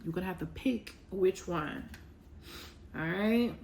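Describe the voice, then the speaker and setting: A young woman doing a casual tarot reading, blunt and animated, teasing and scolding her viewers. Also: on the low side, takes it slowly, creaky, a little hiss or hum. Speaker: tarot reader.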